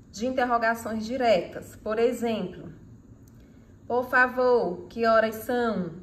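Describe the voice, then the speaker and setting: A woman's voice: a little high, a bit bright. A woman with a Brazilian Portuguese accent teaching a grammar lesson, asking rhetorical questions and answering them herself, and reading example sentences aloud with expression.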